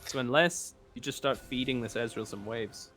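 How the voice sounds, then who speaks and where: A tired man calling a live esports match play by play. His voice is mid-pitched and climbs sharply when a big play lands. Faint music plays behind him. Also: normal speed, fairly bright tone. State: tired, yawning. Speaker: esports caster.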